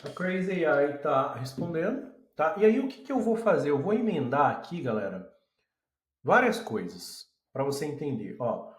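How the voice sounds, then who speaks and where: A man with a Brazilian Portuguese accent, casually walking viewers through a software demo and thinking aloud as he clicks. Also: a little high, very animated, normal speed. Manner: chatty, addresses viewers as a group, thinks aloud. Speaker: tutorial presenter. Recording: roomy echo.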